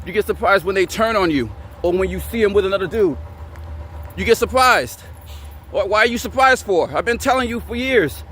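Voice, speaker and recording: A man with a notably high voice delivers a blunt vlog rant, confrontational and preachy, repeating his lines for emphasis. Faint street and car noise hum behind him outdoors. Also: a bit bright. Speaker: vlogger. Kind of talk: blunt motivational rant to camera.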